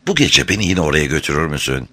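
A soft-spoken, lovesick young woman from a storybook, whispering her words as if near tears, as a deep-voiced man puts her on. The voice stays low, with a bright edge and a lively lilt. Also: fast talker, full character voice. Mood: yearning.

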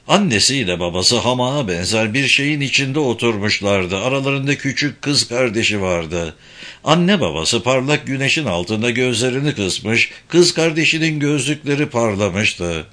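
A male audiobook narrator with a bright, clear voice and a wide, animated pitch range. He tells the story expressively, reading straight from the script. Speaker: audiobook reader.

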